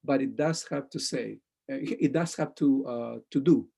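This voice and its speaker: A male teacher giving feedback on a student's speech over a video call, halting, with many restarts, and checking in with "okay?". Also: mid-range voice, creaky, mellow, slightly rough. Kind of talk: classroom feedback.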